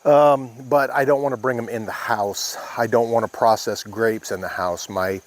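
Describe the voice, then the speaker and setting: A man talking casually and unscripted as he hosts a walk-through vlog, explaining things in a plain-spoken, halting way. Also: medium pitch, steady tone. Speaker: vlog host, small farm winemaker. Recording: echoey bare room or open space.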